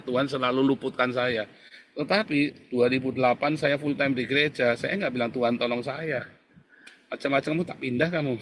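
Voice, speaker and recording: A middle-aged man, a pastor, telling his own story and preaching with big swings in pitch and loudness while he keeps addressing his listeners. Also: slight background noise. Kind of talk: testimony and preaching in a Bible Q&A.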